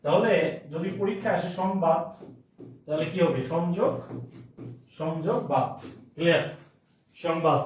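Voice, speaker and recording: Guy teaching online class, high voice, lots of room echo, keeps asking if it's clear. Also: unhurried, pauses often. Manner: repeats words, checks understanding often. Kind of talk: online grammar lesson. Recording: very echoey room, distant mic.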